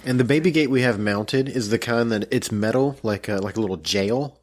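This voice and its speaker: A man's voice: mid-range voice, brisk. A man co-hosting a casual podcast, telling a story in a wry, mock-dramatic way. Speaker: podcast co-host.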